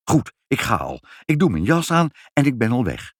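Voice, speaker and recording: A man's voice: medium pitch, wildly swooping pitch, moderate pace, dry recording, studio quality. A man voicing a plain, good-natured father in a storybook reading, matter-of-fact in manner. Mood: willing.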